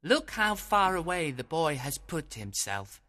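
A man's voice: a little high, big pitch swings, a little slow, sharp tone, no room sound, voice pushed up, full character voice. A man voicing a mischievous male fairy servant who mutters to himself. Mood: pleased.

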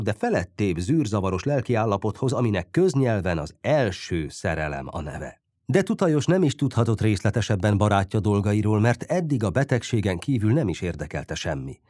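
Lively, low-voiced male audiobook narrator. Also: dry recording, studio quality. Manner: expressive, lively storytelling. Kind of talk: scripted narration.

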